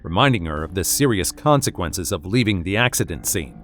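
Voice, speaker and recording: A man's voice: sits low, expressive, brisk, fairly bright tone, soft background music. A man reading a scripted narration with a wry, dramatic storytelling manner.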